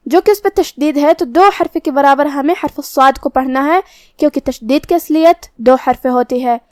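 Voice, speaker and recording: A woman's voice: high voice, no echo, studio quality. A woman teaching Quran recitation rules, explaining each letter and pronunciation step by step in a patient, methodical way. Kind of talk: tajweed lesson with slow recitation.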